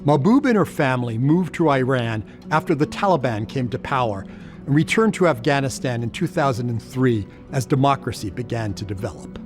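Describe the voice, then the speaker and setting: A man hosting an award gala and narrating its tribute video in a measured, formal scripted delivery. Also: medium pitch, expressive, music in the background. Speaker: host and narrator.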